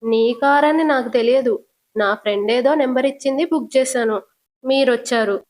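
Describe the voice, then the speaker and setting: A woman's voice: sits high, a little mellow, close to an everyday voice. A woman voicing a sly young woman who answers defensively while scheming, in a retold serial episode. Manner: defensive, quick comebacks.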